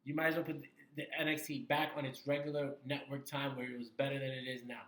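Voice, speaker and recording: A man's voice: mid-range voice, fast talker. A man co-hosting a casual wrestling podcast, talking with energy and repeating his points for emphasis. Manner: animated, repeats himself for emphasis. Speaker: podcast co-host. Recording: echoey room.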